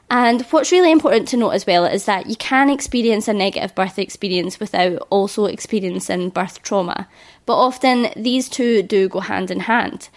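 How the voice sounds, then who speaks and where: Her voice is mid-range and slightly croaky from illness as this woman in her thirties, a birth educator, hosts her solo podcast. Her tone stays earnest and reassuring.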